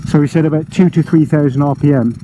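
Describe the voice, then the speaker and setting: A man reviewing a motorbike outdoors in a casual, enthusiastic way, pausing often with fillers. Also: on the high side, steady tone, noisy background. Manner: enthusiastic, hesitant with many fillers. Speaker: motorcycle vlogger. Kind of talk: casual first-ride review.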